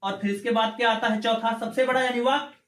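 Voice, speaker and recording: A man's voice: very high voice, fairly even intonation, fast talker, fairly bright tone. A man teaching an exam-prep grammar lecture, explaining step by step, asking rhetorical questions and checking in with his students. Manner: repeats points and checks in with "ठीक है". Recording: echoey room.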